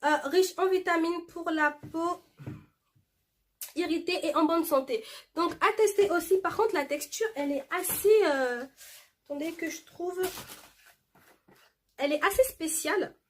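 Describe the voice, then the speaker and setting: A woman's voice: very high-pitched, unhurried, pauses often, a little hiss or hum. A woman chatting casually to camera in a beauty haul video, reading product labels aloud with lots of fillers. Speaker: beauty vlogger showing a shopping haul.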